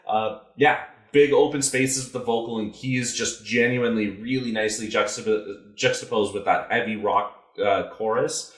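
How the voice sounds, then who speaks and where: Guy hosting a music review chat, low-ish voice, roomy echo. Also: normal speed, hardly any pauses. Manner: thoughtful, steady, leads the segments. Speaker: podcast host. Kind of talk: casual album review chat.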